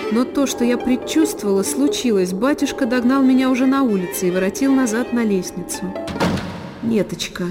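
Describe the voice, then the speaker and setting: A woman reading a classic novel aloud as audiobook narration, in a measured, emotive way. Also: a little high. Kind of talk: scripted literary narration. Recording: long reverb, faint violin music behind.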